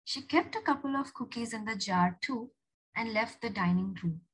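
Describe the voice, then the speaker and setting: Husky-voiced woman reading a story. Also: on the high side, moderate pace, poor audio. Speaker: story narrator. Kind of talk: reading a short story aloud.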